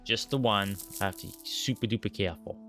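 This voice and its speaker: Low-voiced man rambling over gameplay. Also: fast, a bit bright, faint music behind. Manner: rambling, talking to himself. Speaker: game streamer. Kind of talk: casual gameplay commentary.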